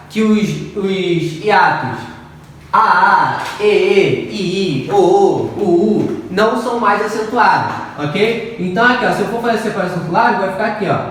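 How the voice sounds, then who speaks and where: A man's high, slightly bright voice leads a grammar lesson; he's a Portuguese teacher who patiently works through exercises, restates the rules and keeps checking in with his students. The sound is distant and echoey, with faint noise.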